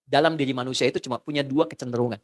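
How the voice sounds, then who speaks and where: A middle-aged man preaching a relaxed sermon with jokes and acted dialogue. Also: medium pitch, rapid-fire. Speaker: Islamic preacher.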